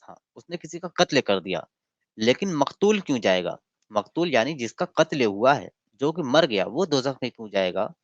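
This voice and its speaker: A man's voice: mid-range voice, sing-song, moderate pace, no room sound, highs cut off. A man hosting a livestream debate, mocking his opponent and reading passages aloud in a lecturing way. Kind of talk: casual livestream debate and commentary.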